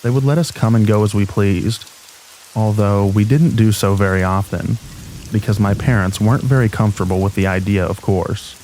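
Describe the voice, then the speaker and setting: A man calmly and steadily narrating scripted horror stories meant for falling asleep. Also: fairly low pitch, moderate pace, a little hiss or hum, poor audio. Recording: steady rain sound behind voice. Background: rain ambience.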